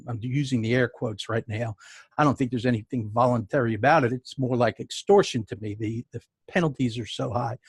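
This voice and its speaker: A man's voice: medium pitch, a little mellow, slightly rough, no echo. A man with a New York accent presenting a webinar as a sales tax consultant, talking in a conversational way with many fillers and wry jokes.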